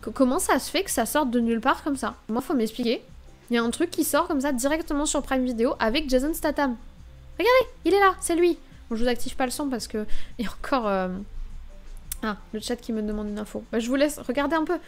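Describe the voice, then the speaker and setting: A woman's voice: a little high, fast, faint music behind. A young woman streaming live, chatting casually and thinking aloud while she browses the week's releases.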